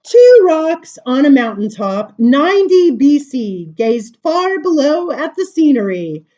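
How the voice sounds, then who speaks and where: A storytime librarian, a woman with a high voice, reads poems aloud to children at a slow pace, giving them animated, sing-song emphasis and dropping in casual asides. The sound is lo-fi.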